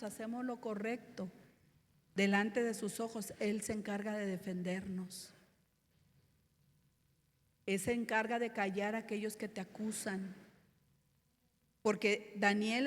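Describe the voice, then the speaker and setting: A woman pastor delivers a sermon in a slow, deliberate cadence, her voice sitting a little high. She keeps turning to the congregation to address them and reads scripture with dramatic weight. The sound carries a long reverb from a church hall. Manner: preaching, repeatedly addressing the congregation as brothers, dramatic scripture reading.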